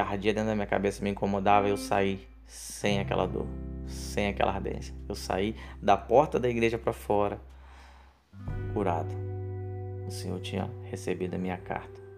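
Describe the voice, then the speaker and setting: A man's voice: fairly low pitch, little pitch movement, normal speed, creaky, over music. A man giving an earnest personal faith testimony, repeating himself as he speaks to fellow believers. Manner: earnest, repetitive storytelling addressed to fellow believers.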